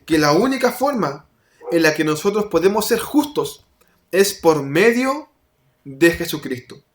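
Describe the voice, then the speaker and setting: A young man delivers a sermon, his voice sitting notably high for a man. He preaches in a conversational way, slipping into quick asides and bits of laughter. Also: big pitch swings.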